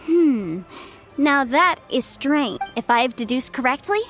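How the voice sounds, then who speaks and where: Faint game music plays as a young woman voices a legal adviser character in a cutscene. Her expressive, slightly bright voice sits high and moves slowly, yet the reading stays composed, precise and businesslike.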